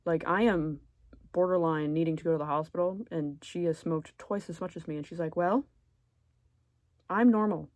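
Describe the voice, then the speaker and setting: A woman creator giving casual ranking commentary in a sarcastic, deadpan but expressive way. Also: low-pitched, brisk, no echo. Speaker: video creator.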